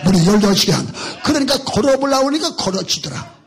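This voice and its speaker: A male pastor preaching a sermon in a sing-song cadence, breaking into shouted exclamations. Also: high voice, big pitch swings, fast talker, vocal fry, soft background music.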